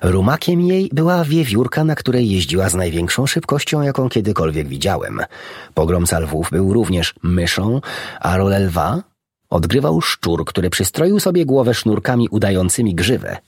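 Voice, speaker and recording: A man narrating a children's storybook in an expressive, animated reading. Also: sits low, normal speed, breathy edge, no room sound, studio quality. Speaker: audiobook narrator.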